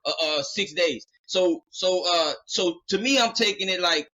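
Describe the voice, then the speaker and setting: A man's voice: high-pitched, a little slow. A man hosting a podcast, telling a long story in a loose, rambling way with lots of fillers and acted-out quotes. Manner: animated retelling, acting out quoted dialogue. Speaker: podcast host. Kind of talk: casual storytelling.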